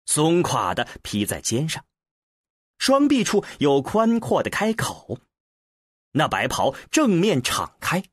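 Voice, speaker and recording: A man narrating an audiobook with an expressive, deliberate storyteller's delivery. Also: fairly high pitch, slightly rough, no room sound, clean studio sound.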